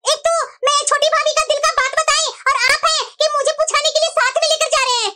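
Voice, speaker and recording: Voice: very high voice, fairly even intonation, quick pace, bright, forceful tone, heavily acted. A voice actor playing a tattling young sister-in-law in a cartoon, chatty and conspiratorial. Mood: defensive. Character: gossiping young sister-in-law, two-faced busybody. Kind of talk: cartoon voice acting.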